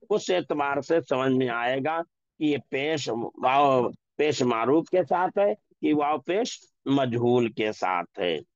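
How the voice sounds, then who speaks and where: Male teacher, slow and repetitive drilling delivery, dry lo-fi recording. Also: medium pitch, no room sound. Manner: slow, repeats example words and phrases for drilling. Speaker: Urdu teacher. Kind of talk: classroom language lesson.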